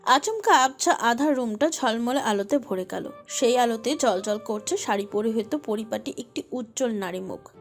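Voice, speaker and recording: A woman narrating a romantic audio story with expressive, emotive delivery. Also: on the high side, moderate pace, soft background music.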